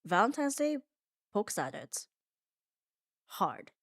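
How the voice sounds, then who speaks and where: Very animated yet slow-paced, a medium-pitched woman performing ASMR speaks a scripted comfort monologue with earnest reflection and short, emphatic phrases. Her audio is clean studio sound, free of echo.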